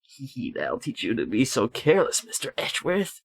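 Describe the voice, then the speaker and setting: A man's voice: medium pitch, huge pitch swings, moderate pace, gravelly, husky, exaggerated voice. A man voicing a cocky, playful young great thief from a video game. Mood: cocky, teasing. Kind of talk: video game character reading.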